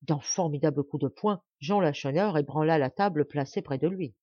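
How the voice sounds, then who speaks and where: A woman's voice: sits low, moderate pace, dark tone, no room sound, dull audio. Woman reading a novel dramatically. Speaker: audiobook reader. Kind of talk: scripted narration of a classic novel.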